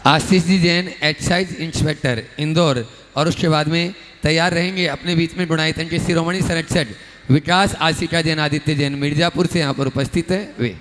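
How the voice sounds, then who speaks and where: A man's voice: on the high side, steady tone, moderate pace, fairly bright tone. A man announcing the next questioners with formal introductions of names and titles. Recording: long hall reverb.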